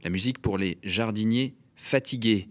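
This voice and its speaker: A man's voice: lowish voice, moderate pace. Playful male radio host. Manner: playful, brief interjections and recaps. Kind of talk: radio hosting.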